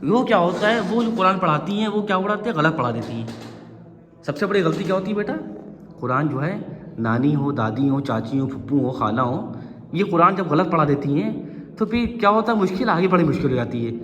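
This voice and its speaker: A man's voice: fairly high pitch, expressive, a bit bright, roomy sound, long reverb tail. A male Quran reading teacher giving a classroom lesson, patiently coaxing answers from his students with questions.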